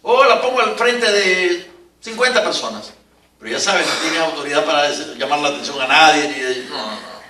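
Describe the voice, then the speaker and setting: Older preacher, bright tone, echoey church. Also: male voice, a little high, normal speed, distant mic, slight background noise. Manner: animated, rising to emphatic peaks, chuckling asides. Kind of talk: sermon.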